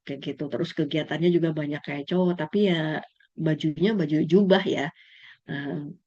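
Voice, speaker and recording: A middle-aged Indonesian woman, a lecturer, giving a personal talk to a women's study circle, telling lively stories full of fillers. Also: lowish voice, dry recording, muffled recording. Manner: lively storytelling with frequent fillers and laughter.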